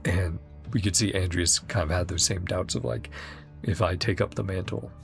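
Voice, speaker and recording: A woman with a rumbling low voice and vocal fry speaks at a normal speed into a close mic. She offers casual reactions over a video game, musing aloud and trailing off mid-thought while game music plays behind her.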